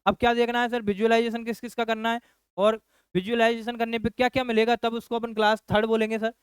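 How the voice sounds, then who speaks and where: A man's voice: very high-pitched, level tone, quick pace, clear, resonant tone, no room sound. A man teaching a nursing lecture who repeats key phrases and keeps asking his class rhetorical questions. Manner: addresses students as children. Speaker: nursing coach.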